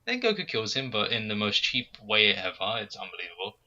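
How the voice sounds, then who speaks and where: A man hosting a casual fan podcast, talking in an animated, critical way and jumping high when he acts out quotes. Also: brisk, lo-fi sound. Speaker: podcast host.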